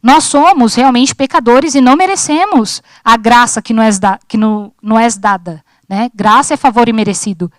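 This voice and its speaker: A woman's voice: on the high side, normal speed, few pauses, dry recording. A woman in her thirties giving an informal sermon at a church service, chatty and joking, acting out her own talks with God. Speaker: preacher at a church youth service.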